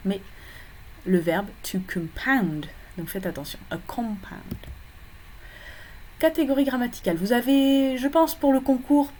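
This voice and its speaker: A woman lecturing on English phonology for exam preparation, her voice mellow and warm at an ordinary middle pitch. She explains step by step, often pausing on fillers and correcting herself mid-phrase. A faint background noise sits under the recording.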